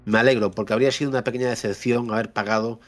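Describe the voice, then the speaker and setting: A man's voice: mid-range voice, fairly even intonation, racing, soft background music. A man hosting a podcast, giving a casual spoken review of a game and repeating points for emphasis. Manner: repeats himself for emphasis, frequent fillers and tag questions.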